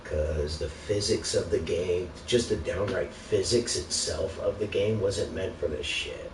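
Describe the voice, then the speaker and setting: A man's voice: low voice, measured pace. A man on a casual, sweary gaming rant, complaining in an exasperated, sarcastic way. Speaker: video game ranter. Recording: roomy, noisy, distant microphone.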